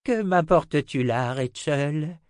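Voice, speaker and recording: A man's voice: on the high side, animated, slow, no echo, studio quality, voice pushed up. A man doing a grumpy old wizard. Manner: grumbling, gruff delivery. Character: grumpy old male wizard, gruff but tender.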